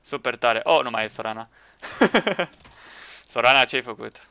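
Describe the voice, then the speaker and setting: Excitable young man, bright crisp voice. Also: medium pitch. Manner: excitable, shouting at teammates, laughing. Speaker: gaming YouTuber. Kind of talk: Minecraft let's play commentary with friends.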